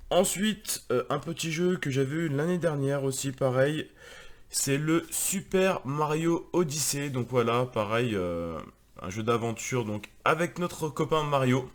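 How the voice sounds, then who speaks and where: A man's voice: mid-range voice, animated, a little slow. Casual male vlogger, rambling and chatty, lots of fillers, presenting his collection. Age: adult, married with a daughter. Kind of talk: casual video chat.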